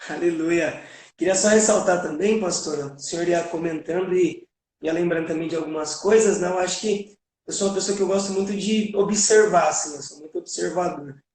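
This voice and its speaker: A man's voice: sits high, a little fast, darkish tone. A man hosting a live video chat who speaks in an attentive, affirming way. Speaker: host. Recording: echoey, distant mic.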